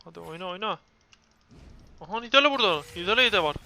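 A young man streaming a game, commentating live in an excitable way and ranting at and taunting his opponents. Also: high-pitched, fast talker, gravelly.

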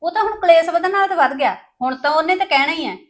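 A woman's voice: extremely high pitch, fast. An actress playing a worried young adult daughter who pleads and warns her mother against a quarrel in a family drama. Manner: pleading, reasoning, warning. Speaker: grown daughter. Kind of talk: rural family drama acting.

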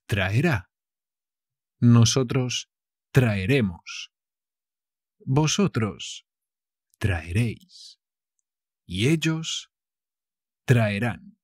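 A man with a Castilian Spanish accent teaching verbs slowly, with playful asides. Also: mid-range voice, husky, dry recording, studio quality. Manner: slow and drawn-out, playful asides. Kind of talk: slow language lesson, switching Spanish and English.

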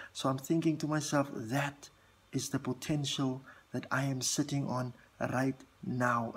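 With a fairly high voice carrying a breathy edge, an Afrikaans-speaking South African vlog host in his forties addresses the camera casually at close range indoors. He's earnest and thinks out loud, rambling with plenty of fillers and restarts.

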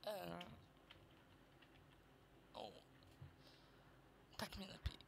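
A man's voice: high voice, drawn-out words, creaky, noisy background. A man giving muttered, sarcastic let's play commentary as he plays a shooter. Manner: muttering, sarcastic remarks to viewers.

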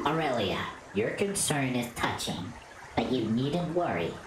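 A woman voicing a calm, wise computer AI guide, reading its lines low and measured. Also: noisy background, heavily acted. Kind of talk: reading game dialogue aloud. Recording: echoey room, loud game music.

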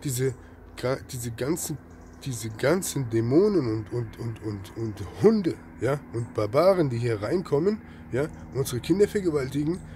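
Male preacher, mid-pitched, fervent rant, keeps prodding with "ja?", loud-soft swings, faint background hiss. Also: lively intonation, unhurried. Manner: rhetorical questions with constant tag "ja?"; swings between loud outbursts and low murmurs. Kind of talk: impassioned religious rant.

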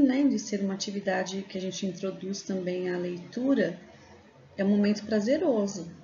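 A Brazilian woman in her forties talks through a lesson like a teacher, friendly and chatty, checking in with her listeners as she goes. Her voice sits at a middle pitch. The sound is a little dull and lo-fi, picked up by a webcam in a small room. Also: warm tone, slight background noise. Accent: Brazilian Portuguese. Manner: friendly, explains step by step with many "né" and "tá". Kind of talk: casual instructional video lesson.

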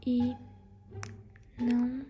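Nervous young Brazilian woman, slow whispery. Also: on the high side, monotone, dark tone, soft background music. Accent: Brazilian Portuguese. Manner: nervous, often drops to a whisper. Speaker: YouTuber pranking a friend. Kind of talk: casual prank vlog, reading and typing messages aloud.

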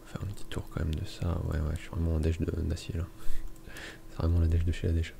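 A man's voice: deep voice, monotone, fast, creaky, background noise. A man casually commenting on his strategy game as host of a let's play, talking to himself with many fillers. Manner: mumbling to himself, lots of ok and euh.

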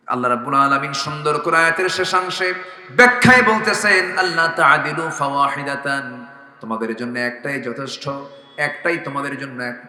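A man preaching a sermon, acting out dialogue and rising into impassioned shouts. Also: medium pitch. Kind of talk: Bengali waz sermon. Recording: echoey hall with long reverb.

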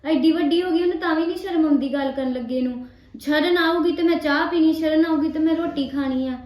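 A woman's voice: high-pitched, a little fast, a little mellow, lightly acted. A young woman playing a resentful grown-up daughter who complains petulantly to her mother. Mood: aggrieved. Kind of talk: web drama acting. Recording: echoey room.

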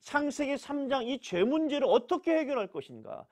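A pastor teaching a Bible class in a church. His voice sits high and swings widely in pitch as he poses questions and answers them himself. He drives points home by repeating key words. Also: sing-song, brisk.

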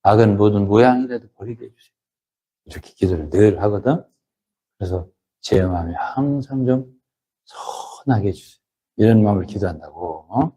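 Older man, senior pastor, sermon, chatty questioning delivery, loud and hushed turns, dark warm tone. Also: lowish voice, normal speed, long pauses, breathy edge. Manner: conversational, often asks the congregation "예? 어?"; swings between loud emphatic lines and quiet murmured ones.

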